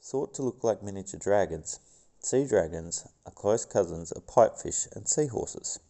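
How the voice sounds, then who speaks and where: A man reading nature documentary narration in a gravelly voice, now and then stumbling over a word. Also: lowish voice, animated, normal speed, warm tone. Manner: stumbles over words and scientific names. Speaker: video host.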